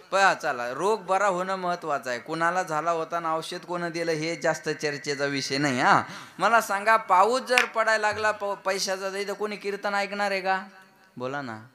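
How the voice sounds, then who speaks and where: A man preaching a devotional kirtan sermon. He keeps asking the audience to answer him back and slows down to chant verses. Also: sits high, crowd noise.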